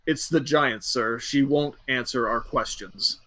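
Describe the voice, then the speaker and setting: A man's voice: mid-range voice, a little slow, pushed and bright, no echo. A man doing a nervous, apologetic soldier. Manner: anxious, apologetic, hesitant. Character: nervous deferential male legion soldier.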